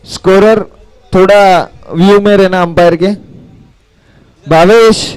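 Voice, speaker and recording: A man with an Indian accent making slow, formal announcements at a cricket tournament, calling teams up for the toss. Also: high voice, fairly even intonation, a little mellow, clean tone, rough recording. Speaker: match announcer. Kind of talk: stage announcements.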